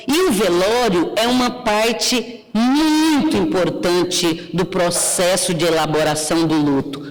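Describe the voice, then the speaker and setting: A woman lecturing on grief at a spiritist gathering, chatty and acting out little scenes, often checking in with the audience. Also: mid-range voice. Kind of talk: lively religious lecture. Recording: echoey hall with long reverb.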